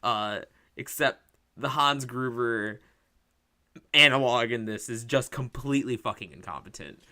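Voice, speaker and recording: A man's voice: medium pitch, unhurried, sharp tone. A man co-hosting a podcast, recapping a movie in casual, profane, rambling chat that keeps breaking into laughter. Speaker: podcast co-host.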